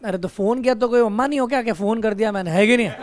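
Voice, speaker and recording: A man's voice: sits high, rapid-fire. A male teacher teaching a classroom, mixing explanations with teasing and scolding of students. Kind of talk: classroom lecture with banter. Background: students' chatter.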